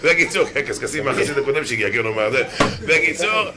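A man doing stand-up to a laughing crowd. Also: mid-range voice. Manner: animated, jumps to loud exclamations and breaks into chanted snatches. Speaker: rabbi doing stand-up comedy. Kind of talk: stand-up comedy routine. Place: stage before a live audience. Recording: live audience laughter and crowd noise.

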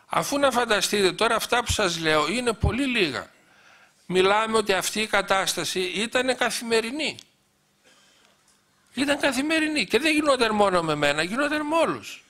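A man's voice: high-pitched, lively intonation, sharp tone. A middle-aged man recounting personal memories in an anecdotal storytelling talk, quoting dialogue with frequent "he says" asides. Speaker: guest speaker recounting memories.

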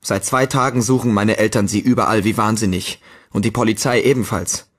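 A man's voice: on the low side, steady tone, a little fast, lightly acted. A man reading a bitter, threatening young man. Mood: cold menace. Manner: cold, curt and menacing.

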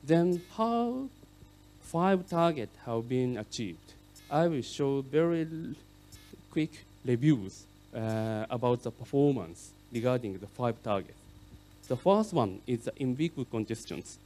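Middle-aged Japanese-native man, keynote lecturer, mellow voice, halting English full of "uh"s. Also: mid-range voice, lively intonation, soft background music. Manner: halting non-native English with many fillers. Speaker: keynote speaker on urban rail.

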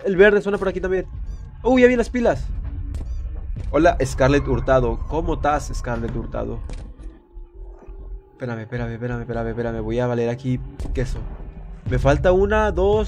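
A young man, stuffy with a cold, excitedly commenting on a live game and chatting with viewers. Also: fairly high pitch, normal speed, faint music behind. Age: young adult. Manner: rambling, excitable, talks to viewers while playing. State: congested with a cold. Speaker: streamer. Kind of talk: live gameplay commentary reading chat.

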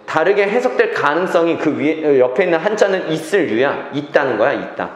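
A man's voice: a little high, sing-song, a little fast. A man teaching an English reading class, checking in with students and repeating key phrases. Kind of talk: classroom lecture. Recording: echoey classroom reverb.

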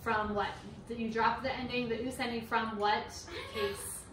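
A homeschooling mom in her thirties runs a Latin lesson, patiently quizzing her kids and checking in with a quick okay. Her voice sits a little high. She is heard from a distance across a roomy kitchen, with faint noise underneath. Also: little pitch movement. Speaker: homeschooling mother teaching Latin. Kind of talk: casual teaching at a kitchen table. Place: home kitchen.

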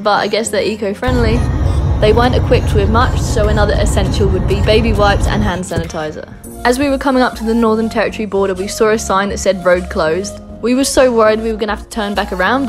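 A young Australian woman from Darwin giving a chatty, upbeat, scripted travel voice-over full of tips. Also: mid-range voice. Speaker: travel vlogger. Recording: voice-over with loud background music.

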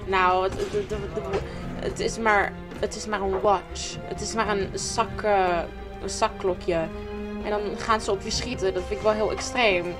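A woman commentating a video game, excitable and reacting loudly to what happens. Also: medium pitch, a little slow. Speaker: gamer. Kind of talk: let's play commentary. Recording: game music behind the voice.

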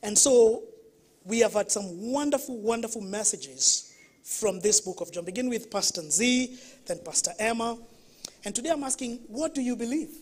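A woman's voice: on the high side, moderate pace. A woman pastor with a Kenyan accent preaching a sermon in church, telling stories and putting questions to the congregation. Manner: lively storytelling, questions to the congregation.

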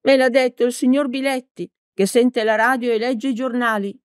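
A woman reading an audiobook, voicing a frail, stern and proud old woman schoolteacher in a high, scolding voice. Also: fairly even intonation, normal speed, dry recording, clean studio sound, close to an everyday voice. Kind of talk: audiobook character voice.

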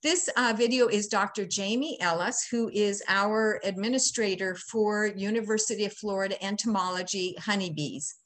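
A woman's voice: mid-range voice, moderate pace, few pauses, fairly bright tone. Woman in her sixties, folksy beekeeping presenter, chatty with frequent ums, laptop mic on a call. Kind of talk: webinar presentation. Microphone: laptop webcam mic on a video call.

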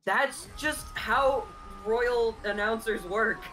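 A man's voice: very high voice, slow pace, sharp tone, a little hiss or hum. A laid-back young man chatting casually with friends while reacting to a trailer, and he laughs often.

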